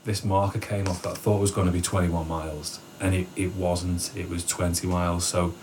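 A man telling a story in casual conversation, animated and laughing often, acting out what people said. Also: sits low, moderate pace, background noise. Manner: animated, laughs often, acts out quotes with a raised voice. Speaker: guest.

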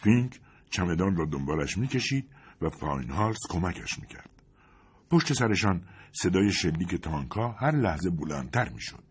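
Deep husky male audiobook narrator. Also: sing-song. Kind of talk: scripted narration.

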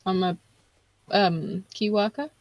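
A woman's voice: mid-range voice, steady tone, slow, no room sound, dull audio. A young woman chatting casually with friends on a podcast, teasing them, swearing and laughing often. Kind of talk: casual chat among friends.

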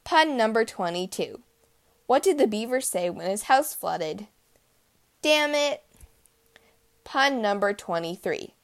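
A woman's voice: mid-range voice, animated, a little slow. A woman hosting a podcast, reading out puns in a playful, punchy way. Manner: playful, punchy delivery of jokes. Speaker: podcast host.

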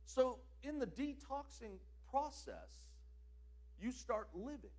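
A man preaching a sermon with a very high, bright-sounding voice. His pitch moves all over the place, rising for loud declarations and dropping to quiet asides. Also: very animated, slow pace.

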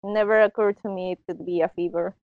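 A woman on a podcast who talks haltingly, restarting her words and giggling between thoughts. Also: lowish voice, fairly even intonation, dry recording. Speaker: podcast panelist. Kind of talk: casual podcast chat. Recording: dull dry lo-fi mic.

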